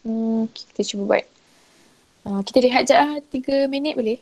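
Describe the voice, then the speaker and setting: A woman works through a physics problem for her class, her voice sitting a little on the high side. She switches freely between Malay and English and keeps checking that her students are following. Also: moderate pace, a little mellow. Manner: mixes Malay and English, checks in with "okey?" often. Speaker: lecturer. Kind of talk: online physics tutorial.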